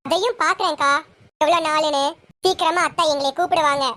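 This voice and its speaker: High-voiced performer doing a defiant young sister-in-law. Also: fairly even intonation, bright, forceful tone. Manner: firm, measured, pushes back. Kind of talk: serial parody skit.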